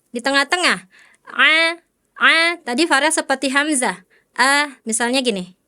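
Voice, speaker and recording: A woman's voice: high voice, pushed and bright. A woman Quran recitation teacher, patiently correcting a student and modelling letter sounds again and again. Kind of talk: one-on-one recitation feedback.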